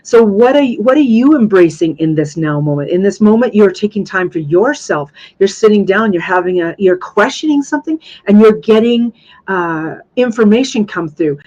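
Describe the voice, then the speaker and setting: A woman's voice: mid-range voice, animated, normal speed, darkish tone. A woman in her thirties hosting a live spiritual question-and-answer session, talking earnestly and effusively and repeating phrases for emphasis. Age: 30s. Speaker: spiritual Q&A host.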